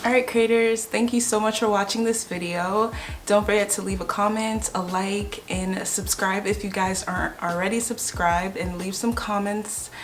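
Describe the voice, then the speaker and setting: This is a casual vlog chat in which a young woman enthusiastically shares home decor finds and addresses viewers as "you guys." Her medium-pitched voice moves at a moderate pace with fairly even intonation, and there is slight background noise.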